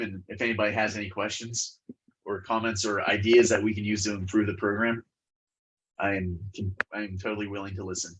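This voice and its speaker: Low-ish voiced guy presenting on a video call, stuffy and congested, lots of uhs. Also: fairly bright tone, a little hiss or hum, rough recording. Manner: hesitant, many fillers and restarts. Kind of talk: webinar presentation and Q&A.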